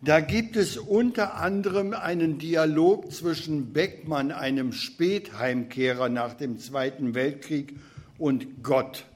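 A man gives a sermon in a slow, thoughtful delivery. He reads scripture and literature aloud. His voice sits slightly high. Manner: reflective, reading scripture and drama aloud.

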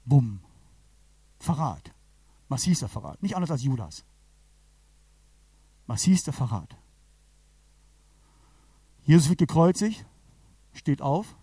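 A man's voice: medium pitch, takes it slowly, long pauses, husky, dry recording. A man preaching a sermon in a colloquial way, acting out the Bible characters as he tells the story. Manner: animated, colloquial, acts out the Bible figures.

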